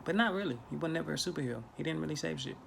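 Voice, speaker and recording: Rapid-fire and lively, a gravelly, slightly high male voice belongs to a spiritual vlogger in his thirties. He chats casually to a phone camera at arm's length in a small bedroom, preaching emphatically and repeating himself for effect, with a little noise in the background.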